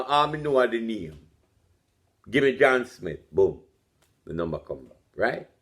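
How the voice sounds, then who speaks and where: Toothless Jamaican man, slow and swooping. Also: a little high. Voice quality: toothless speech, lips folding over gums, soft consonants. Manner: musing, opinionated, with rhetorical questions and pauses. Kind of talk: informal reflective monologue.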